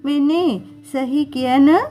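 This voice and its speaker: Storybook role: woman reading an innocent young bride, earnest and literal, unhurried and warm. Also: sits high, steady tone, soft background music. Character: naive young daughter-in-law, eager and literal.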